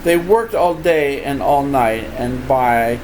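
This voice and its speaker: Behind this grandfather's mid-range voice there's constant room noise and an obvious air-conditioner hum. Reading a children's storybook slowly, he sounds relaxed and expressive, dropping in playful side comments along the way.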